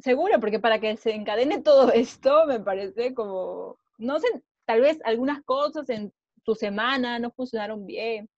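A woman's voice: a little high, moderate pace, dull audio. A young woman co-hosting a podcast, chatty and teasing, reflecting on her own stories. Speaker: podcast co-host. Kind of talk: casual chat.

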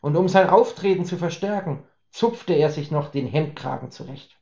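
A man narrating a comic story in a lively, humorous way. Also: on the high side, normal speed, gravelly. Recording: roomy, slightly dull recording.

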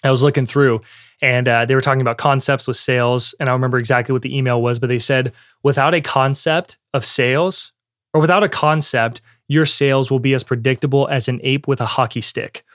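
A man's voice: medium pitch, steady tone, brisk, fairly bright tone, no room sound. Casual man teaching in a dry room. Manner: conversational, with frequent fillers and restarts. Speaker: online business teacher.

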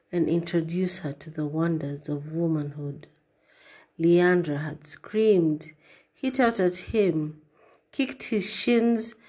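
A woman narrating an audiobook in a measured way, sometimes dropping to a breathy hush. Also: lowish voice. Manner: measured, with breathy hushed passages. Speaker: audiobook reader.

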